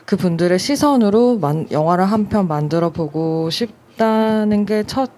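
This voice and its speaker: A woman film director answering interview questions in a thoughtful, hesitant way, pausing with fillers. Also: medium pitch, expressive, dark tone.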